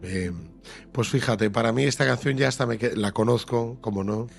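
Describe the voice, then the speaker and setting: A man with a Spanish accent hosting casual radio chat, his voice raspy and hoarse from a cold, like a smoker's rasp. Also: medium pitch, normal speed, faint music behind. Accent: Spain. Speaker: radio host.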